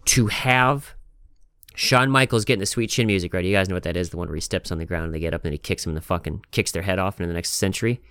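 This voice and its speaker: Swearing man with a smooth, low voice. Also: quick pace, a bit bright. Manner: profane, emphatic, rambling. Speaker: podcast host. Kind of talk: casual chat.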